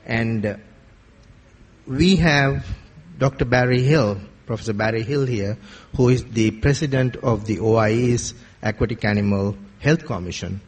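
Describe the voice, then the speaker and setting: A man moderating a conference panel, introducing a speaker in a polite, halting way. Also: medium pitch.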